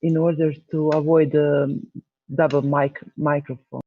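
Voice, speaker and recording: A man chairing an online conference session, speaking slowly and politely. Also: a little high, level tone, no echo, narrow, tinny audio. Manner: slow, polite and apologetic.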